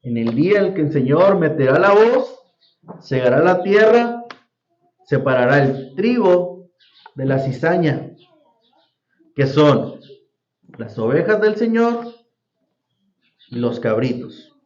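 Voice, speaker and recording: A man's voice: on the high side, big pitch swings, takes it slowly, long pauses, darkish tone. A man teaching a Sunday school Bible lesson to a congregation, often quizzing the class with questions. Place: church hall. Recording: roomy, dull lo-fi church recording.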